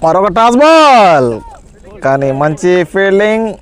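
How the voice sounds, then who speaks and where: Man, high voice, excitable live cricket commentator, amateur match call. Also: measured pace.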